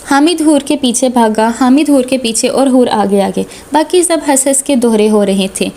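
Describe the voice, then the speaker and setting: A woman narrating a comic romantic novel aloud in a lively storytelling manner. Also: sits high, normal speed.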